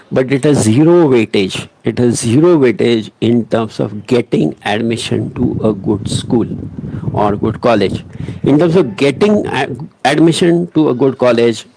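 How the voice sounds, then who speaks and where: A man with an Indian English accent, a coaching academy teacher guiding students through subject choices in an online session, earnest and hesitant, often pausing and correcting himself. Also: lowish voice, darkish tone, a little hiss or hum, rough recording. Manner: earnest, hesitant, with many pauses and self-corrections.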